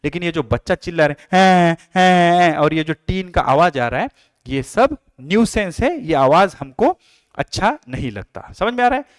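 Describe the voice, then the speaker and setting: A man with a fairly high voice gives a science lesson, switching between Hindi and English. He asks his own questions and answers them, reads English lines slowly and then explains them. The recording is dry and close, with no room sound. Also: very animated, no echo. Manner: playful, imitates noises and sounds. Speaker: teacher.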